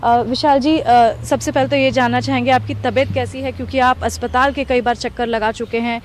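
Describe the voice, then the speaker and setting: A woman's voice: a little high, steady tone, brisk, slight background noise. A woman TV news reporter asking probing questions in an earnest manner, with small hesitations.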